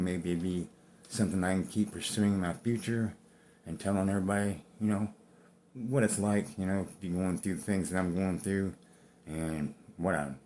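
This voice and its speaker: A very low-pitched man in his fifties speaks short of breath. He talks bluntly and rambles, swearing freely as he tells his own story to camera. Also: mellow, slight background noise. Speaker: vlogger. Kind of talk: personal talk to camera.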